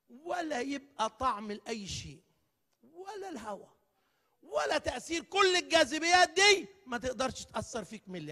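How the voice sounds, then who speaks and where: High, bright preacher in a church hall. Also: male voice. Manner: emphatic, rhetorical questions, dramatic swings in loudness. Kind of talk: live church sermon. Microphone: live broadcast microphone. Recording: long church hall reverb.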